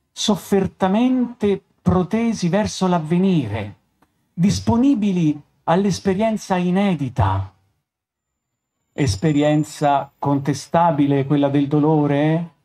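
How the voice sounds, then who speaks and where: A male actor reading a literary fairy tale aloud at a bookstore event, with deliberate, dramatic phrasing. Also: on the high side, mellow.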